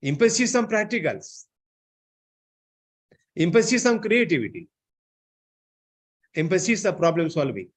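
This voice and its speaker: A man giving an online seminar lecture, often filling pauses with "I think, you know". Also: high voice, big pitch swings, husky. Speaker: seminar speaker.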